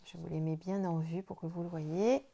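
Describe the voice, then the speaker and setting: A woman giving a casual tarot reading to camera in a gentle, reassuring way, tired and stumbling now and then over her words. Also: fairly low pitch, fairly even intonation, normal speed, vocal fry. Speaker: tarot card reader.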